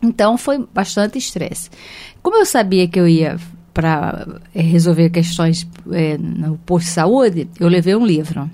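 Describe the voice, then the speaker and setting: A woman from Brazil hosting, telling an everyday anecdote in a lively, casual way. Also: lowish voice, measured pace. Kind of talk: casual chat.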